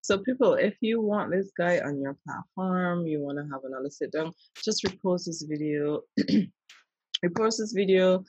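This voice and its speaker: A Caribbean woman hosting a casual discussion, her voice husky and emphatic as she addresses listeners directly. The sound is dry and dull, like a muffled, lo-fi recording. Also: on the low side, lively intonation, moderate pace, darkish tone, no room sound. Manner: emphatic, preachy, calls out to listeners. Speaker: host.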